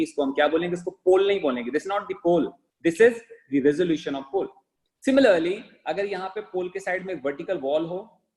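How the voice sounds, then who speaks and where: A male teacher giving a classroom lecture, asking the class rhetorical questions and repeating phrases slowly so students can write them down on words. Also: fairly high pitch, poor audio. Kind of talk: classroom lecture, dictating notes.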